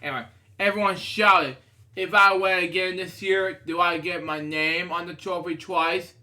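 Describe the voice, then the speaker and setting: Reading a children's picture book casually, a storybook reader and show host keeps a steady tone at a moderate pace in a high, bright, forceful voice. He keeps breaking off into rambling tangents.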